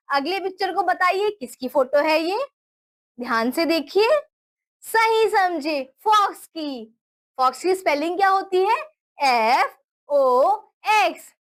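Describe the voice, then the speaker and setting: A woman teaching a phonics lesson to young children, slowly spelling out words letter by letter and often praising her pupils. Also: very high voice, fairly bright tone. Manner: slow, spelling letters out one by one.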